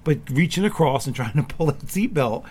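A man co-hosting a fitness podcast, casually chiming in with quick affirmations and examples. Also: on the high side, expressive, darkish tone, breathy edge. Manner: agreeable, frequent short affirmations, jumps in. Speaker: podcast co-host, trainer.

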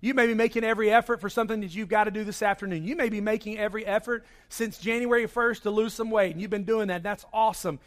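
A man's voice: high-pitched, fairly even intonation, fast talker, few pauses, a bit bright. A man preaching a conversational sermon to his congregation, acting out everyday inner voices. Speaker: pastor.

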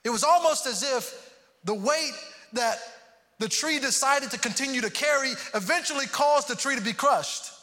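Preaching with earnest conviction, a Houston, Texas pastor tends to repeat words when starting a thought. He has a very high, sharp-toned voice and speaks at a normal speed. A long hall reverb fills the recording.

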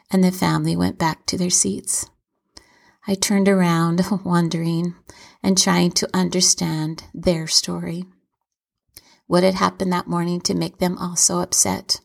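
A woman giving a calm, reflective motivational talk, often dropping into soft whispers. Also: fairly low pitch, gravelly. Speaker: self-help speaker.

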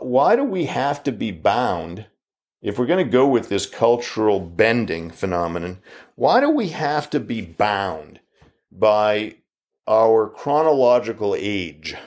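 Man, 50s, opinion monologue. Argumentative, hammers rhetorical questions, voice leaps up on each challenge. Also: fairly low pitch.

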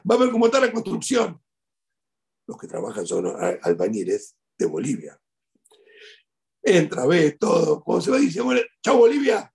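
A man's voice: on the high side, wildly swooping pitch, moderate pace, creaky, pauses often, darkish tone, husky. A middle-aged man with an Argentine Spanish accent, a rabbi giving a eulogy sermon and telling stories with animation, repeating key phrases.

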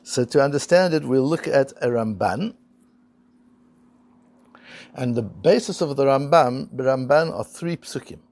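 Male Torah teacher, mid pitch with a gravelly edge, asks rhetorical questions. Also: a little mellow. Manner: explains slowly, reads Hebrew and Aramaic quotes then translates. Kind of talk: Talmud lesson.

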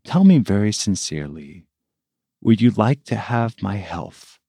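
A man voicing a calm, faithful priest in a spoken story, speaking simply and firmly. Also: fairly low pitch, measured pace, vocal fry, breathy edge, dry recording, clean studio sound, heavily acted.

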